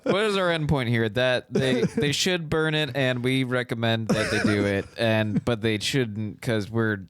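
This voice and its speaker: A man's voice: medium pitch, unhurried, a bit bright, smooth, no room sound, clean studio sound. A man in casual podcast chat, goofing around playfully. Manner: playful, goofy banter.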